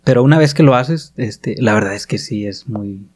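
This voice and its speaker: A man's voice: medium pitch, normal speed, darkish tone. A man hosting a podcast, talking in a casual, hesitant way with frequent fillers. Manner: hesitant, many fillers and restarts, agreeable. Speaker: podcast host. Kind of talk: casual conversation.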